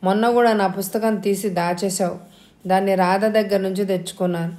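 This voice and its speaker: A woman's voice: medium pitch, fairly even intonation, brisk, darkish tone, lightly acted. A woman reading an audio novel, voicing an anxious young student begging her elder sister and mother. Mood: pleading. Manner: pleading, anxious.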